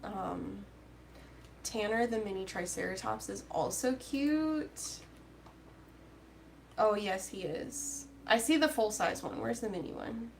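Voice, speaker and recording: A woman's voice: mid-range voice, slow pace, gravelly, pauses often, slight background noise. A woman chatting casually with live viewers while she crochets, rambling and reading out their comments. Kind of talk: casual crochet-along chat.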